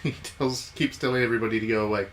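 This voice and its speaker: A game streamer and reviewer gives chatty, jokey livestream commentary to his viewers, reading game text aloud as he goes. His medium-pitched, slightly bright voice races along with fairly even intonation.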